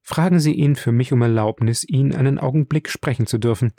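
Guy doing a polite urgent young gentleman, gravelly and mellow, audiobook read. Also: mid-range voice, brisk, no echo, studio quality, lightly acted. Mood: earnest, urgent. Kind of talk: audiobook character reading.

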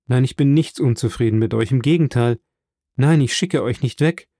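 A man voicing a grieving, kindly middle-aged shipowner in an audiobook, with an earnest, warm delivery. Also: medium pitch, moderate pace, no room sound, clean studio sound, natural voice. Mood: sorrowful, kind.

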